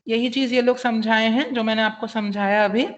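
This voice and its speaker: A man's voice: extremely high pitch, flat delivery, normal speed, a bit bright. A man teaching an online vocabulary class, mixing Hindi and English, spelling words out and quizzing his students. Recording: dull lo-fi audio.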